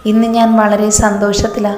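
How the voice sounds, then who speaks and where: A woman's voice: medium pitch, completely flat delivery, moderate pace, close to an everyday voice. A woman voicing a gloating young man who is the villain of a spoken story, smug and boastful. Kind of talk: storybook narration with voiced characters. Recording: roomy echo with soft music behind.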